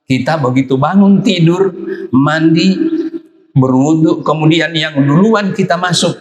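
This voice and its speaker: A man's voice: a little high, a little slow, a little mellow. A man preaching at a dawn mosque gathering in an emphatic manner, often repeating his phrases for weight. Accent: Indonesian. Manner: emphatic, repeats phrases, acts out quoted voices. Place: mosque prayer hall. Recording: echoey hall reverb.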